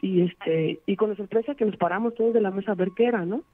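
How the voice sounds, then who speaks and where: A man, calling in to recount a frightening experience, rambling and filling pauses with "este". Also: high voice. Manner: rambling, many "este" fillers. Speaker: caller. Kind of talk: telling a true scary story. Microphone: phone line. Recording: tinny phone line.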